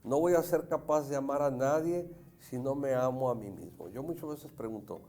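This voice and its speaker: A middle-aged talk show host from Jalisco, speaking with a Mexican accent in a mellow mid-range voice at normal speed, tells earnest anecdotes directly to his audience during casual chat.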